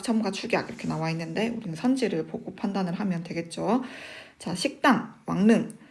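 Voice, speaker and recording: A woman teacher explaining exam questions in an online lesson, patient and methodical, often pausing on "eo" and asking the class rhetorical questions. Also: medium pitch, darkish tone. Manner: patient, step-by-step explaining with frequent "eo" fillers.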